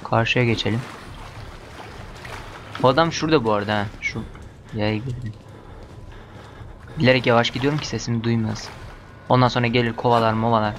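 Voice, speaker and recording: A man with a Turkish accent commenting on a horror game as he plays, muttering to himself and breaking into panicked shouts when chased. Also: mid-range voice, fairly even intonation, a little fast, pauses often, slight background noise. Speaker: gamer.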